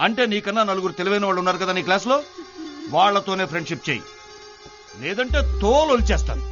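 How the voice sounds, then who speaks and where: A man's voice: high-pitched, lively intonation, fast, dull audio, music in the background. An actor playing a stern, harsh magistrate father in a dubbed film drama. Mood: scolding. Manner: harsh, scolding.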